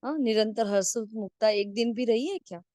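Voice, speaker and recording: A woman's voice: fairly high pitch, moderate pace, darkish tone, no echo, clean studio sound. A woman giving a spiritual discourse on a video call, asking rhetorical questions and checking in with frequent tag questions. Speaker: spiritual class teacher.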